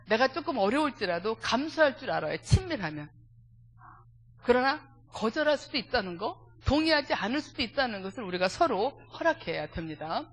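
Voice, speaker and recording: Woman teaching a church seminar, voice jumps all over, keeps asking the room stuff. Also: on the high side. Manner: animated, acts out everyday dialogues; questions the congregation directly.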